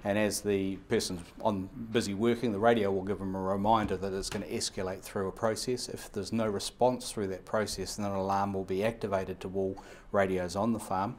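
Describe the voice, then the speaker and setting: In an indoor showroom, a lapel mic picks up a New Zealand radio equipment supplier in his fifties, his voice low, a bit mellow, and fairly even, with slight background noise. His interview answers are fast, long, and run-on, crowded with fillers and restarts.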